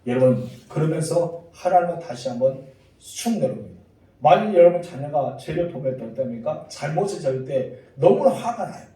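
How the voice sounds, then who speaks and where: A male pastor preaching a Sunday sermon, leading the congregation in reading aloud and breaking into sudden loud calls. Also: a little high, animated, normal speed. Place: church sanctuary. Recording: echoey church hall, mic at a distance.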